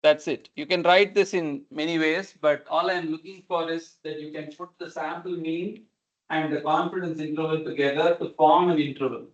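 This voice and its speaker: Male lecturer, slightly high voice, didactic question-and-explain delivery, dull lo-fi video call audio. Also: steady tone, moderate pace. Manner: didactic, repeats and checks understanding. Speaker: lecturer teaching numerical methods. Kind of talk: explanatory online class, questioning students. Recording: dull, lo-fi online meeting audio.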